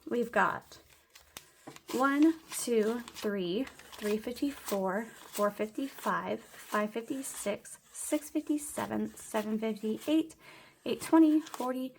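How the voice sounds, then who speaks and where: Gravelly young woman counting cash aloud. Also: a little high, a little hiss or hum. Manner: counting cash aloud, chatty, laughs often. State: slightly out of breath. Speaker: budgeting vlogger. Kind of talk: casual budget vlog narration.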